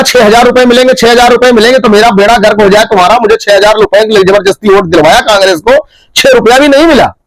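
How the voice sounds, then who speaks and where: A man voicing an angry housewife who scolds her husband in a shouting rant. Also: very high-pitched, low-quality recording.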